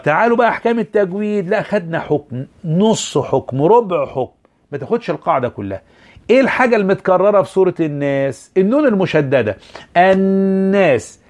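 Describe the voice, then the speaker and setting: A man with an Egyptian accent giving a training lecture for teachers, acting out how to coax children in class. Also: a little high. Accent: Egyptian Arabic. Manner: animated, switches between explaining and acting out a teacher coaxing children.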